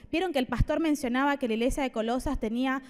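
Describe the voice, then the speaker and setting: A woman's voice: high-pitched, fast, darkish tone, in a large hall. A woman preaching a sermon, conversational and playful, with asides to the congregation. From Argentina. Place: church hall.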